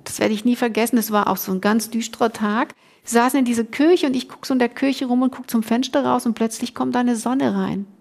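A woman's voice: fairly high pitch, brisk, gravelly. A middle-aged woman, a podcast guest, earnestly telling a personal story in casual conversation, emotional and full of restarts.

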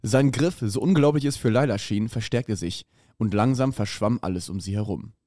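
A man's voice: lowish voice, normal speed, dark tone, no room sound, studio quality. A podcast co-host reading his own story aloud in a hammy, dramatic way.

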